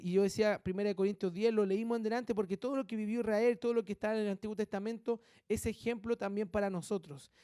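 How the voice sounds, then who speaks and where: A male pastor preaching a sermon, with animated delivery and muttered asides that mimic gossip. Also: high-pitched, smooth, dry recording, studio quality.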